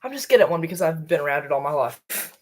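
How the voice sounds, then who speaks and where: Young male streamer, lively up-and-down voice, slightly high, loose rambling chat full of ums. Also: fast, a little hiss or hum. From American South. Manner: rambling, filler-heavy, talks to viewers while setting up. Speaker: live streamer. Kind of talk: casual live stream chat.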